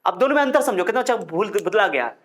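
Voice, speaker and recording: A man's voice: sits high, lively intonation, fast, fairly bright tone. A male physics teacher lecturing a classroom, repeating key terms and firing questions at his students.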